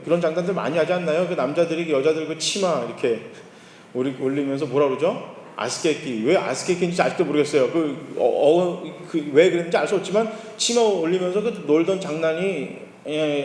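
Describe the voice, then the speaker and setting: Male pastor, storytelling sermon, slightly high voice, reverberant church hall. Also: darkish tone. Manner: conversational storytelling preacher. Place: church sanctuary.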